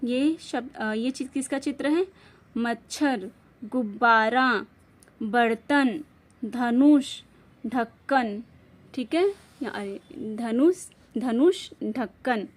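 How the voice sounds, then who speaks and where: A woman's voice: a little high, drawn-out words, pauses often. A woman teaching a grammar lesson, spelling out words letter by letter and asking questions she then answers herself. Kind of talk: classroom-style grammar lesson.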